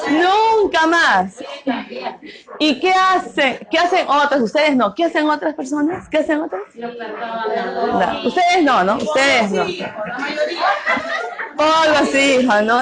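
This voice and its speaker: High-voiced woman quizzing a group. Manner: asks the audience questions and answers them, many tag questions. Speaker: workshop speaker on domestic violence. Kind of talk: interactive talk to a group.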